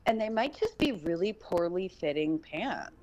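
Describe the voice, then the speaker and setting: A woman co-hosting a podcast, chatting in a relaxed, joking way about a court case from home, now and then swearing casually. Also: fairly low pitch, moderate pace, a little hiss or hum, poor audio. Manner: relaxed, joking, a bit crude. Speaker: podcast co-host. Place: home by a window with her dog.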